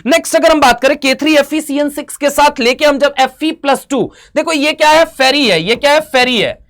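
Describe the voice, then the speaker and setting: A man with an Indian accent teaches chemistry for exam prep in a high, energetic voice. He keeps asking and answering his own questions and drops English terms into his speech. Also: fairly quick. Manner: mixes Hindi with English terms, uses mnemonics and jokes.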